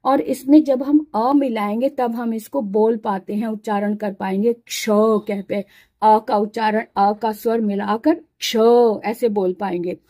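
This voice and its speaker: A woman's voice: mid-range voice, steady tone, measured pace, warm tone, no echo. A woman teaching a Hindi alphabet lesson patiently, sounding out syllables one at a time and explaining each step. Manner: explains while writing, pointing at letters.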